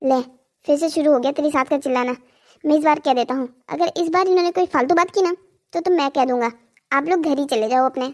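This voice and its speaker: A voice actor playing an indignant, argumentative young man in a cartoon story, protective of his sister and quick to anger. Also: very high voice. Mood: defiant. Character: hot-headed protective young brother.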